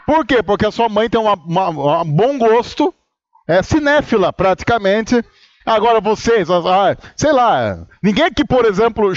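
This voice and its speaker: A man's voice: high voice, dry recording, muffled recording. A man from Brazil, a pastor giving a humorous, conversational sermon and acting out his own inner dialogue.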